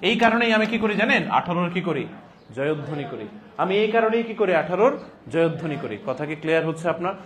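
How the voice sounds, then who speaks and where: A man giving a classroom lecture as a teacher, repeating phrases deliberately for dictation and prompting students with emphatic questions. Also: high-pitched, animated, fairly bright tone. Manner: repeats phrases slowly and deliberately for note-taking.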